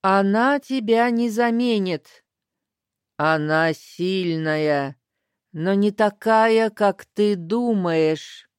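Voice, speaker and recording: A woman voicing a blind, caring man who speaks in a measured, steady way. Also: medium pitch, clean tone, dry recording, studio quality. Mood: grave. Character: blind, calm, caring man from another world.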